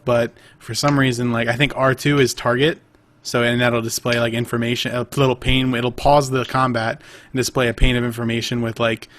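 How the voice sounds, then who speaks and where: A man with a medium-pitched, fairly bright voice co-hosts a podcast remotely. The talk is casual gaming chat, loose and rambling, with lots of fillers and false starts.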